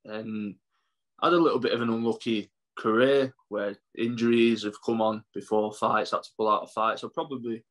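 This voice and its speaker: A man's voice: lowish voice, steady tone, normal speed. A man in his twenties, a boxer answering interview questions casually in a laid-back, matey way and often repeating himself. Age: 20s. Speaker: professional boxer being interviewed.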